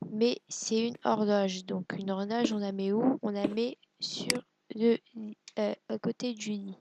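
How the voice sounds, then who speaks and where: A woman's voice: mid-range voice, steady tone, a little slow, creaky, noisy background. A woman giving casual gameplay commentary, hesitant and self-deprecating, musing aloud with lots of fillers. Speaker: let's play gamer.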